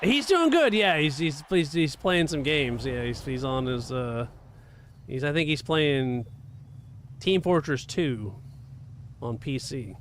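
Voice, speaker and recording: A relaxed man with a fairly high voice chats loosely with his stream audience and chuckles between remarks. Faint game engine noise hums behind him. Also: slow pace. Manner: laid-back, chuckling, talks to chat while racing. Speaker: live streamer. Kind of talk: casual gaming stream chat.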